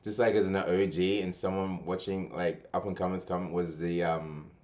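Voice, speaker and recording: Deep-voiced man hosting a podcast. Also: little pitch movement, normal speed, a little mellow. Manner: rambling, with many restarts and slang. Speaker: podcast host and tournament organizer. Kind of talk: casual chat.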